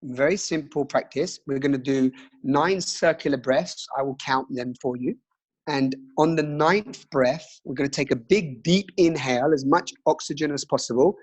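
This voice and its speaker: A man leading a guided breathing exercise as a teacher, speaking in a gentle, reassuring way with pauses. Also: mid-range voice, poor audio.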